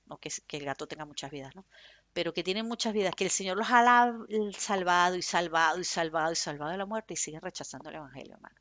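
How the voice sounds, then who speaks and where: A woman preaching a fervent, emphatic sermon in Spanish with a Venezuelan accent, speaking in a loud tone. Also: lowish voice.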